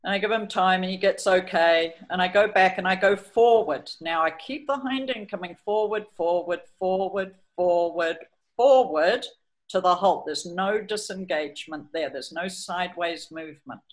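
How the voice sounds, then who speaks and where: A middle-aged horse trainer from New Zealand speaks at a moderate pace in a fairly low voice. She chats hesitantly through a training video, explaining the training and telling stories about her horse.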